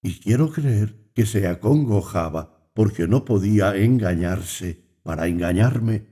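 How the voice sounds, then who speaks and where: Solemn male audiobook narrator: slow, mellow, husky. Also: fairly low pitch, expressive. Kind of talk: audiobook reading.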